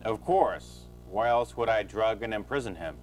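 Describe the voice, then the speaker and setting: A man playing a smooth-talking, unethical professor with a pompous, falsely genial manner in an amateur comedy audio drama. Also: on the low side, lively intonation, normal speed, slight background noise, close to an everyday voice. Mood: unruffled.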